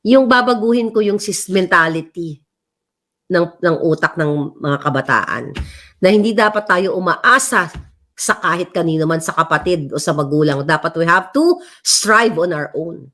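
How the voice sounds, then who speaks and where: A woman's voice: on the low side, lively intonation, normal speed, fairly bright tone. A middle-aged woman from the Philippines with a Filipino accent, vlogging rambling, impassioned political commentary and switching between English and Tagalog. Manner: impassioned, emphatic.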